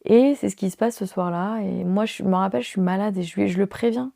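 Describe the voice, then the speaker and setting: Gravelly-voiced French woman telling a story. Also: mid-range voice, quick pace, warm tone, no room sound, clean studio sound. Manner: candid, conversational, many fillers. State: unwell. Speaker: podcast host. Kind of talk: personal storytelling.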